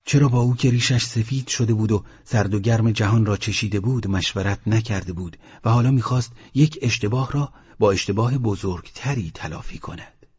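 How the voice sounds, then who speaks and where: A man narrating a novel as an audiobook in a low, subdued reading. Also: a little mellow, slightly rough, muffled recording. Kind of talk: scripted literary narration.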